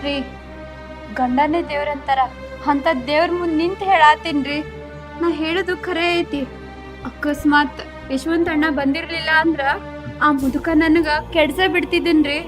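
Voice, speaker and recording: An actress with a North Karnataka Kannada accent, playing a young daughter-in-law who pleads and protests deferentially. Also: female voice, high voice, fairly even intonation, normal speed, music in the background, close to an everyday voice. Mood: distressed. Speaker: actor in a village comedy film.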